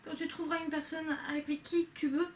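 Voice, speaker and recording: Young woman, playful co-host, loud and laughing, very high and bright voice, a bit off-mic. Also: little pitch movement, fairly quick, recorded from a distance, slight background noise. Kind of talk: casual chat.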